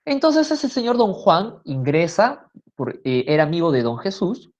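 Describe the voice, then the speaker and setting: A woman's voice: lowish voice, very animated, unhurried, a little mellow, highs cut off. A woman telling a story in a casual, conversational way. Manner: conversational, with fillers and restarts.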